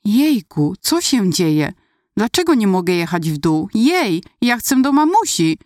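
A woman's voice: mid-range voice, big pitch swings, a little slow, a little mellow, dry recording, studio quality. A woman voicing a frightened five-year-old girl, pleading tearfully for her mother in an audiobook. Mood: terrified, tearful.

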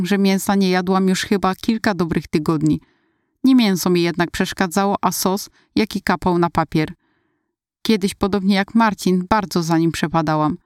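A woman narrating a first-person story in a calm, confiding way. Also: lowish voice, clear, resonant tone, no echo. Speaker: audiobook narrator.

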